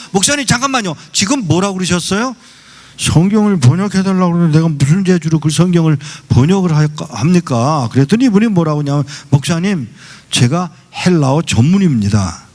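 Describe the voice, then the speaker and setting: A male pastor preaching a sermon, telling a story and acting out the dialogue in quoted voices. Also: high voice. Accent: Seoul Korean. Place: church sanctuary.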